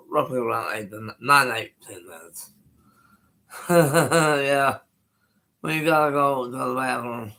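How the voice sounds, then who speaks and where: A man's voice: mid-range voice, sharp tone, poor audio. A man of sixty chatting casually on his livestream, rambling and repeating himself with little laughs between remarks. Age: 60s. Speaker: live streamer.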